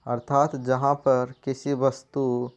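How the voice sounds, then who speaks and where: A man teaching a grammar lesson, explaining slowly and reading out example sentences. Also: mid-range voice. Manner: slow, even explaining with spoken examples. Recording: dull lo-fi sound.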